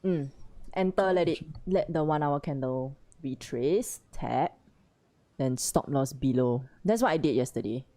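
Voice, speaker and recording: A woman hosting a casual trading livestream, excitable and giggly as she cheers on her trades. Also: low voice, unhurried. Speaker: livestream host.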